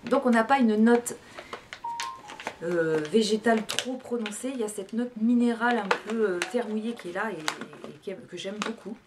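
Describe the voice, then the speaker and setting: A woman's voice: mid-range voice, normal speed, noisy background. A woman chatting casually about teas she drinks, hesitating often with fillers and restarts. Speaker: tea vlogger. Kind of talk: casual product review. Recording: background music.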